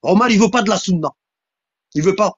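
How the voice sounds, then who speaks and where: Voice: medium pitch, brisk, breathy edge, no echo, highs cut off. A speaker giving a heated religious polemic talk, who keeps stressing points with repeated questions and repeated lines. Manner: insistent, repeats "hein?" and "tu vois?".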